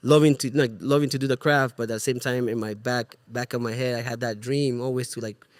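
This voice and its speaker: A man's voice: mid-range voice, fairly even intonation, a little fast, no room sound. A middle-aged man from Ecuador with a Spanish accent, a guest in a casual interview, speaking earnestly and searching for his words. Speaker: guest, music producer and artist.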